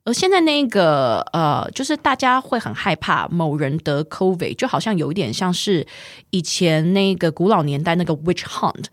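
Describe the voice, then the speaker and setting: A woman's voice: fairly low pitch, big pitch swings, normal speed, dry recording, clean studio sound. A woman teaching English vocabulary, patiently drilling words and having the learner repeat them. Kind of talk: bilingual language lesson.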